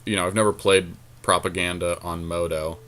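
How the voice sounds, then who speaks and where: As a podcast co-host and card game player, a man gives relaxed gameplay commentary, reasoning aloud through tactical choices. His voice is deep and slightly bright, with little pitch movement, at a normal speed.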